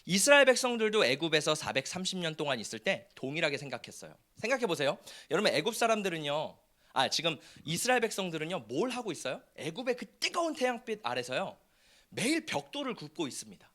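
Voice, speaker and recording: A man's voice: a little high, very animated, quick pace, pushed and bright. A man preaching a sermon as pastor, asking the congregation questions as he goes.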